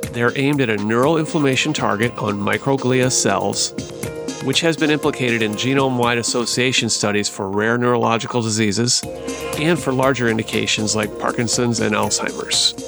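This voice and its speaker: A male podcast host with a mid-range, gravelly voice. He reads his introduction from a script, then asks questions in a looser way, full of ums and restarts. Music plays clearly under his voice. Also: medium pitch, moderate pace. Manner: hesitant with fillers and restarts in conversation.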